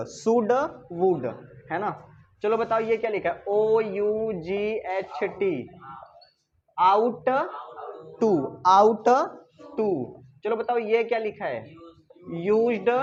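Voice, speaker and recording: A male teacher running a reading drill for his class, quizzing them with repeated call-and-response questions and coaxing and teasing them to answer louder. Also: high-pitched, a little hiss or hum. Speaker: English teacher. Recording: slightly dull lo-fi recording.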